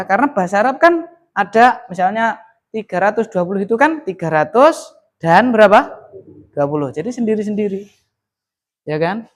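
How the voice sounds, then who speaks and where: A man teaching a class. He asks the students questions and answers them himself, and reads Arabic verses slowly before translating them. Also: sits high. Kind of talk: classroom lesson.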